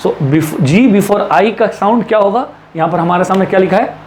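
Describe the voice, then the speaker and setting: A man teaching English pronunciation in a classroom-style lesson, with an Indian English accent, asking rhetorical questions and drawing out the example words slowly. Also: sits high, darkish tone, a little hiss or hum. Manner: slow drawn-out English examples, brisk Hindi explanations, lots of rhetorical questions.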